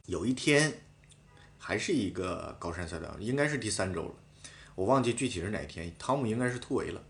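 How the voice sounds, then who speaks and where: Fast guy telling race stories, gets animated, swears a bit. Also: fairly low pitch, vocal fry. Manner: animated, swears casually, acts out quotes. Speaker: professional cyclist guest. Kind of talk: casual storytelling chat.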